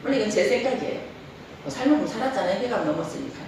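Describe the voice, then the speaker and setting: A middle-aged woman pastor preaching with a lively, swinging voice that sits a bit high. She laughs often and draws answers from the congregation. The sound is roomy and distant, with a long echoing church reverb and faint hiss behind it. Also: very fast. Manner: lively preaching with frequent laughs and call-and-response. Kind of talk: sermon. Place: church sanctuary. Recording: echoey church hall from far off.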